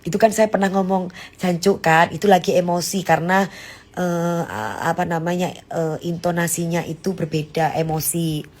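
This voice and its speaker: A woman's voice: lowish voice, steady tone, moderate pace, darkish tone. A woman chatting casually on a phone live stream, explaining slang acted-out examples.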